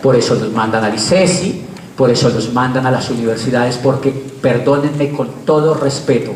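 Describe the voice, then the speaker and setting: A man's voice: medium pitch, normal speed, darkish tone, a little hiss or hum. A middle-aged man with a Colombian accent giving a live lecture, pressing his points with rhetorical questions and repetition. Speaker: speaker. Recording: echoey room, mic far off.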